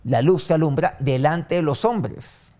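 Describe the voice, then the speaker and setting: A man pastor preaching a sermon and leading a prayer, his voice swinging from loud rising lines to soft low ones. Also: unhurried. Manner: preaching with sudden rises and soft drops.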